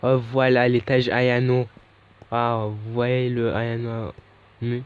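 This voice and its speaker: A man's voice: medium pitch, monotone, slow, clear, resonant tone. A young man giving casual, chatty commentary over his own gameplay, often correcting himself as he talks. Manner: loose, chatty, self-correcting. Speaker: gaming YouTuber. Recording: dull lo-fi mic, faint hiss.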